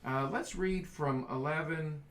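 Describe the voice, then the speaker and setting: Male Bible study leader, bright tone, enthusiastic and playful. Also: fairly high pitch, measured pace. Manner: enthusiastic, reads scripture aloud, jokes. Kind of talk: casual Bible study teaching.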